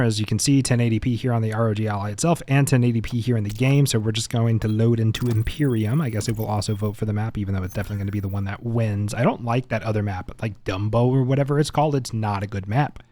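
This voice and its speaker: A man's voice: medium pitch, darkish tone. Man doing chatty gameplay commentary. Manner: chatty, opinionated, mildly exasperated. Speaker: gaming content creator. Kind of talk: casual gameplay benchmark commentary.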